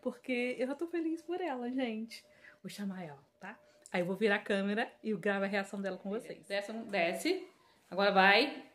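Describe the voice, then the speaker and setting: A woman's voice: mid-range voice, moderate pace, fairly bright tone. A Brazilian woman chatting to viewers as she cooks in her home kitchen, filmed on a phone. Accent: Brazilian Portuguese. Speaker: home vlogger. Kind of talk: casual home vlog.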